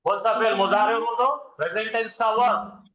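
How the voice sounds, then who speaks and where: A man with a high voice teaches a grammar class, firing questions at his students and waiting for them to answer back. He runs through verb forms in sing-song lists. The lecture was captured on a dull, lo-fi recording in a roomy classroom. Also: moderate pace, over a noisy crowd. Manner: drills students with call-and-response questions; chants verb conjugations in rhythmic lists.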